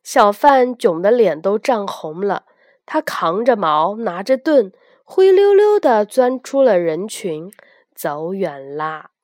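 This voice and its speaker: A woman reading a bedtime story to children, gentle and expressive, close to the mic. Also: mid-range voice, takes it slowly, dry recording.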